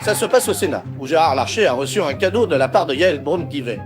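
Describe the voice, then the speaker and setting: A man's voice: fairly high pitch, lively intonation, quick pace, a crowd in the background. A man hosting a satirical news show with scripted, slangy, sardonic narration. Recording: clear music under the voice.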